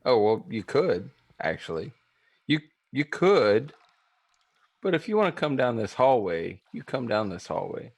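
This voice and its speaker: A man's voice: mid-range voice, sing-song, unhurried, vocal fry, slightly rough. A man playing a tabletop game, chatting casually in a blunt, questioning way. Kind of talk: casual chat.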